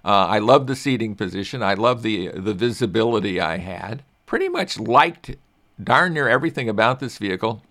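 A man's voice: fairly low pitch, animated, moderate pace, a bit bright. Chatty older male car-show host. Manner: chatty, self-deprecating, many restarts. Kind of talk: casual car-review talk.

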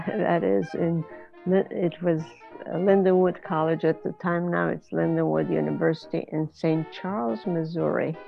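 An older woman from Izmir, Turkey, whose first language is Ladino, tells her life story unhurriedly in a remote interview, laughing often. Her voice is fairly low, gravelly and steady, at a measured pace. The sound is lo-fi with soft background music.

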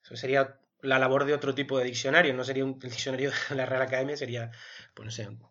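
A man's voice: mid-range voice, level tone, very fast, fairly bright tone, dull audio. A man co-hosting a podcast, explaining at length in casual chat, thinking aloud with fillers and tag questions. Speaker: podcast co-host.

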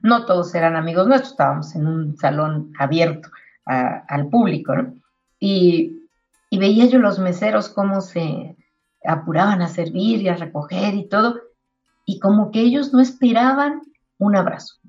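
Gravelly woman sharing a testimony. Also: fairly low pitch, normal speed, dull audio, faint music behind. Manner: warm storytelling with religious exhortation. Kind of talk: spiritual testimony on radio. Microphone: radio studio microphone.

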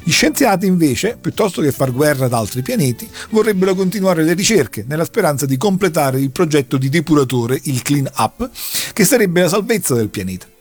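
A man's voice: fairly high pitch, big pitch swings, fairly quick, soft background music. A man recounting a long story in a casual chat, telling it with dramatic flair. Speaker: podcast host recounting an anime plot.

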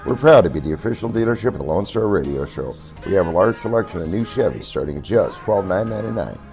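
A deep-voiced man delivers an amateur local radio ad. He speaks as a dealership staffer rather than an announcer, with music playing underneath. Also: expressive, fast talker, a little mellow. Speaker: car dealership internet manager. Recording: music bed behind voice.

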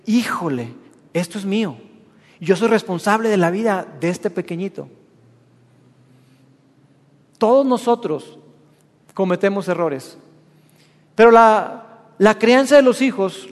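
A man's voice: high-pitched, in a large hall. A man with a Mexican accent, preaching a sermon to his congregation and telling personal stories as the pastor. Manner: storytelling with personal anecdotes, addressing the congregation. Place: church.

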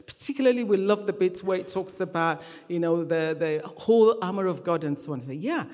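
Brisk and a little mellow, a woman's fairly low voice carries an earnest, story-driven sermon given as a guest preacher to a congregation in a large hall or church. Her conversational style leans on repeated phrases and voiced dialogue, with reverberant hall acoustics.

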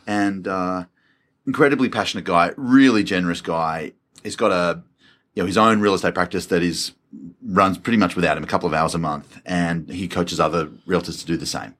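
A man co-hosting a business podcast, chatting casually in an upbeat, animated way and laughing often. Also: sits low, fairly quick. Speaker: podcast co-host.

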